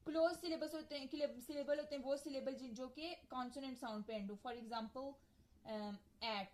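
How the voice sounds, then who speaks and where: A young woman teaching a lecture in a casual, patient way, spelling words out letter by letter and often asking if the point is clear. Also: high voice, steady tone, a little fast, darkish tone, low-quality recording. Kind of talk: casual lecture, code-switching with English terms.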